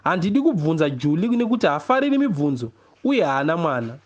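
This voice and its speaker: A Zimbabwean-accented poet reads from a novel, a first-person literary story, with expression, a measured pace and deliberate pauses. His voice sits a little high with big pitch swings, and the recording is lo-fi.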